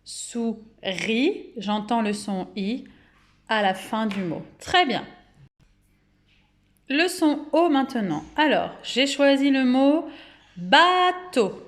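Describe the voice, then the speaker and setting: A woman with a French accent teaches a remote phonics lesson to small children. She speaks slowly and patiently, in a fairly high voice, and stretches out each word so the syllables can be counted. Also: animated. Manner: slow, clear, patient, syllables drawn out and repeated. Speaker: kindergarten teacher.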